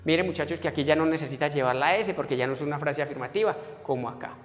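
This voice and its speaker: A man's voice: a little high, rapid-fire. Patient male English teacher, echoey room. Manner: explains step by step, addressing students as muchachos and voicing their questions. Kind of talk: recorded classroom lesson. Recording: echoey room with faint music.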